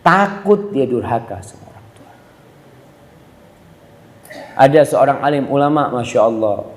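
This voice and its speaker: A man's voice: very animated, measured pace. A man preaching a sermon to a congregation, telling stories and acting out the voices of the people in them. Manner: storytelling, acting out quoted voices with sharp pitch jumps; addresses the congregation directly. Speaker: Islamic preacher. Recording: roomy hall reverb.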